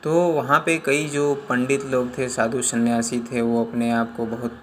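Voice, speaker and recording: A man's voice: mid-range voice, flat delivery, a little slow, fairly bright tone, a little hiss or hum. A man telling a devotional folk story in a repetitive, oral storytelling manner. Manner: repetitive, links lines with "he said".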